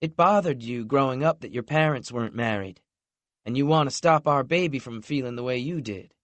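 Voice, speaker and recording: This audiobook narrator is a man whose voice stays close to everyday speech as he briskly plays a fragile, emotional woman fearing the loss of her loved ones. The dry recording captures him soft, tearful and shaky, his pitch lifted.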